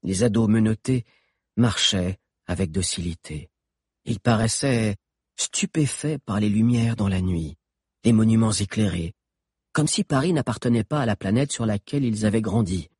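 A man's voice: lowish voice, moderate pace, slightly rough, no echo, clean studio sound. A man reading a novel aloud as scripted narration, telling the story expressively. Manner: expressive storytelling, voices characters. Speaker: audiobook narrator.

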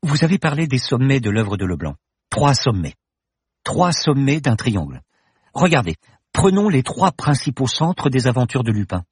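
A man reading an audiobook and voicing an eager, excitable young woman student who loves solving riddles. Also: medium pitch, unhurried, husky, no echo, studio quality, pitched above the performer's own voice. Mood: excited. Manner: excited, insistent, rising. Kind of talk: audiobook character voice.

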